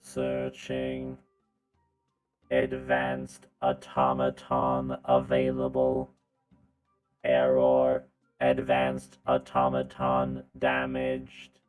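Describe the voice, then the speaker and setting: A man's voice: extremely low pitch, completely flat delivery, extremely slow, narrow, tinny audio, faint music behind, heavily acted. A man voicing a malfunctioning robot drone, a glitching machine that keeps repeating error messages in a tabletop game.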